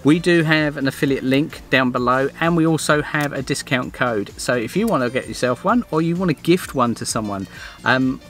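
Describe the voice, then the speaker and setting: Middle-aged man, casual review vlogger, mid pitch, loose and rambling, music bed behind. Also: moderate pace, few pauses, fairly bright tone. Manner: rambling, restarts often, plain and friendly. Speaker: vlogger reviewing a dash cam.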